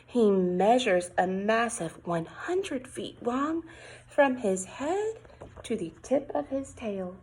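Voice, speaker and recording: With expressive, musical delivery, a woman teacher reads a picture book to young children and coaxes them through questions and exclamations. Her pitch is fairly high, she goes slowly, and her voice is slightly rough.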